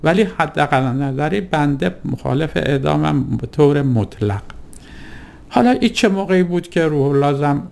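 A man giving a reflective religious talk in a deliberate, rhetorical way, piling up lists and questions. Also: a little high, animated, creaky, a little mellow.

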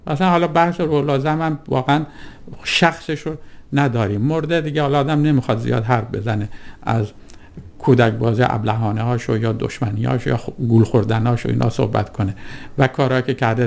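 A man giving a reflective religious talk in a deliberate, rhetorical way, piling up lists and questions. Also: medium pitch, steady tone, vocal fry, a little mellow.

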